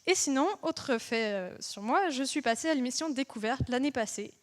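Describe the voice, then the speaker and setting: A young woman from France gives an interactive engineering lecture in a French accent. Her voice sits a little high. She speaks loosely and chattily, often pausing on fillers to check in with her listeners. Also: animated. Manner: chatty, asks the audience questions, many fillers. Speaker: engineer giving a public lecture. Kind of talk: interactive public talk.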